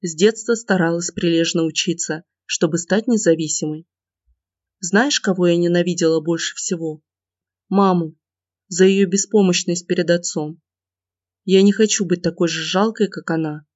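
A man reading the part of a tearful, anxious young woman student in an audiobook, in a soft pleading way. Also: sits high, steady tone, normal speed, dry recording, lightly acted. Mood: upset. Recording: dull lo-fi dry recording.

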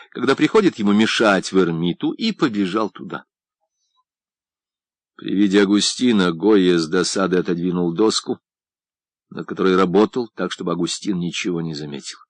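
A man narrating a literary novel in an expressive, dramatic reading style. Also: low voice, normal speed, no room sound. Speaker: audiobook narrator.

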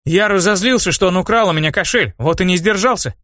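A man's voice: high voice, fast talker, pushed and bright, no room sound, clean studio sound, pitched above the performer's own voice. A man reading an audiobook and voicing a hot-headed teenage younger brother, defensive and sulky, his voice raised above his narrating tone.

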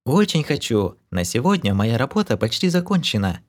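A man's voice: mid-range voice, sing-song, moderate pace, pitched above the performer's own voice. A man voicing a polite young barmaid in an audiobook, sweet and deferential.

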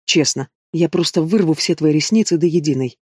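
A man's voice: a little high, fairly quick, a little mellow, slightly rough, no echo, studio quality. A man voicing a fiery young queen. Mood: snapping. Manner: snappish, growling. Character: young queen in labor, sharp-tongued, fiery.

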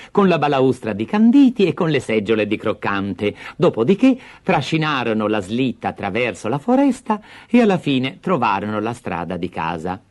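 Lively man reading a fairy tale. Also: on the low side. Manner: lively, expressive storytelling. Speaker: storyteller. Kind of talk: fairy tale read aloud.

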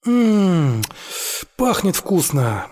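A man voicing a cheeky young man who jokes around, in a husky voice with long reverb. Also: high-pitched, big pitch swings, very slow, a little mellow, pitched above the performer's own voice, exaggerated voice. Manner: jokey, playful.

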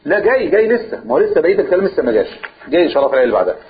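A man with an Egyptian accent teaching a religious lesson, quizzing listeners with quick rhetorical questions and reciting scripture slowly. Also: on the high side, sing-song. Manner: switches between colloquial talk and slow recitation. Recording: tinny phone-like audio.

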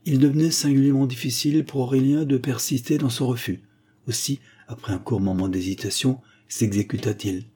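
A man narrating a classic novel in a steady, unhurried reading voice. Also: mid-range voice, breathy edge. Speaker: audiobook reader. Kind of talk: literary narration.

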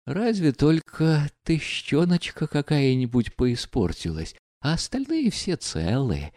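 A man reading an audiobook voices a fawning, greedy middle-aged clerk who wails and wheedles in a high voice. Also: sing-song, slow, a little mellow, no echo, clean studio sound. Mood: wailing, wheedling. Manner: wailing, wheedling.

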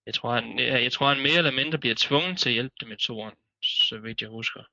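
Gravelly, bright-toned man adding film facts. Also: mid-range voice, highs cut off. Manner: recalls details, adds film facts. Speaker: podcast co-host. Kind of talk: casual film chat.

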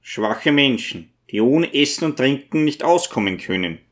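A man voicing a gentle old priest who speaks in a mild, coaxing, earnest way. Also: medium pitch, animated, moderate pace, close to an everyday voice. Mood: reasoning. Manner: soothing, earnest, coaxing questions.

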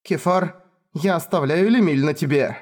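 A man voicing the eldest sister, a gentle, brave and loving young woman who speaks softly and steadily. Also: on the high side, normal speed, pitched above the performer's own voice, lightly acted. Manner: soft, tender and steady.

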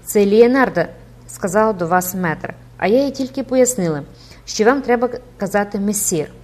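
A woman's voice: mid-range voice, expressive, normal speed, a little mellow, close to an everyday voice. A woman reading an audiobook, voicing a bold, festively dressed young woman who eagerly corrects her friend.

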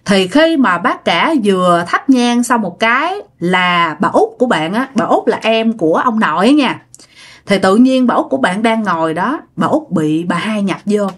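A woman telling a ghost story in a chatty way, speaking straight to her listeners. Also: medium pitch. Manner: chatty, addresses listeners directly. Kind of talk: casual ghost-story narration.

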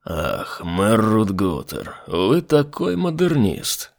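A man reading aloud, voicing a suave male demon envoy in a put-on deep voice with slow, smooth, politely mocking speech. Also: sing-song, exaggerated voice. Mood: amused. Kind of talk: audiobook reading.

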